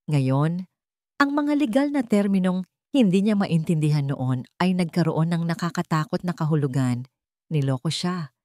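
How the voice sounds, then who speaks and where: With an expressive, somewhat low and mellow voice at a moderate pace, a Filipino-accented woman narrates a scripted dramatic tale. It's a dry, studio-quality recording.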